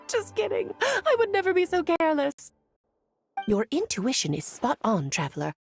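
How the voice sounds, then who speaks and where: A wise, elegant female mage from a video game, gracious and lightly mischievous. Her fairly high voice is animated and expressive, lilting as she explains things. Soft background music plays under her lines. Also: measured pace, gravelly, exaggerated voice.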